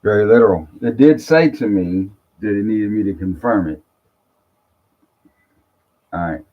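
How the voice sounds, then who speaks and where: Man, low voice, slightly husky, casual thinking aloud, tinny phone-like audio. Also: expressive, a little slow. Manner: thinks aloud while trying software, chatty and offhand. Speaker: trader streaming live. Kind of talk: casual live commentary.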